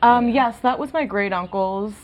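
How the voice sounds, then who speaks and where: A woman's voice: mid-range voice, normal speed, highs cut off, slight background noise. A woman who runs an amp repair shop, chatting casually and giving short, easygoing answers in an interview. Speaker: amp technician and shop owner.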